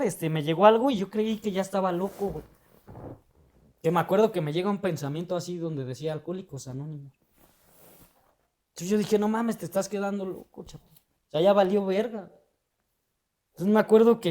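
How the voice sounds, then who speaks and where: A man's voice: sits high, a little mellow. A young adult man with a Mexican Spanish accent, telling a personal story in casual, emotional, slang-heavy chat, dropping a tag word into nearly every phrase. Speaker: guest.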